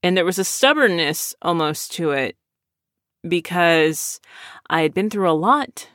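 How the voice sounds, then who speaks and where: Fielding listener questions in a relaxed chat, a podcast host in their late thirties strays into tangents and pokes fun at themselves. The voice is mid-pitched, expressive, a bit bright, and a little slow, captured dry with no room sound.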